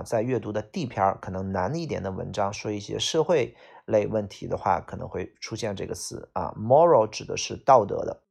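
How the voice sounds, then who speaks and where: A man's voice: on the low side, creaky. A man teaching English vocabulary, explaining each word casually with fillers and heavy speech. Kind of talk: vocabulary lesson.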